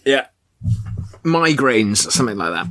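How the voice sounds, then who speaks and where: A man with a forceful, bright voice and medium pitch hosts a podcast. He talks casually, in the manner of a chat, from an attic room in a house. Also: big pitch swings, unhurried. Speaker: podcast host.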